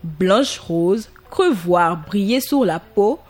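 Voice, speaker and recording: A woman reads a fairy tale aloud in a calm, deliberate storybook style. Her pace is unhurried and her pitch sits in a middle range. Soft music plays faintly behind her voice. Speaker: narrator.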